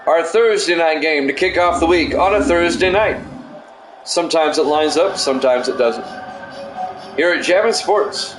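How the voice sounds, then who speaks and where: A middle-aged man hosting a stream and calling simulated football plays in a measured, matter-of-fact way, with casual asides. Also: a little high, music in the background. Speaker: play-by-play announcer and stream host. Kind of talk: simulated football play-by-play commentary. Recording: echoey room with steady background noise.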